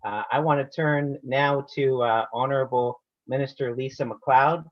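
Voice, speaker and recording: A man chairs a meeting over a group video call, polite as he thanks speakers and introduces the next. His voice sits at an ordinary pitch. The call audio is muffled and dull, with no room sound around it. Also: steady tone, moderate pace, dry recording. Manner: courteous, thanking and handing over. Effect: voice heard over a group video call.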